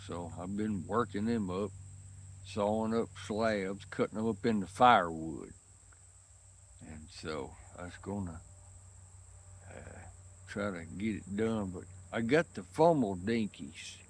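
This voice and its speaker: A tired man rambles along in an unhurried, folksy drawl, his low voice rough with gravel. He talks casually to the camera outdoors on a windy day, insects chirping around him. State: worn out and sweaty from work. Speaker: pipe-smoking vlogger.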